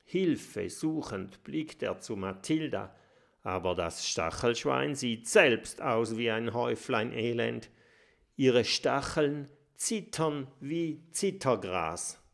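A man narrating a children's story with expressive, unhurried storytelling. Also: mid-range voice, creaky. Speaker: audiobook narrator.

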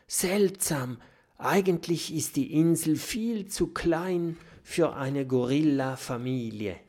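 A man doing a clever, hushed young girl. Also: fairly high pitch, expressive, slow, pitched above the performer's own voice, exaggerated voice. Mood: puzzled whisper. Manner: hushed, knowing. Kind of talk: storybook reading.

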